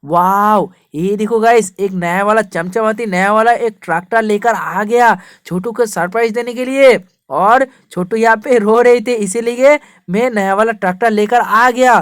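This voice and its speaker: A woman's voice: medium pitch, moderate pace, dry recording, clean studio sound. A woman hosting a toy play video for kids as the big brother, scolding and then showy and upbeat.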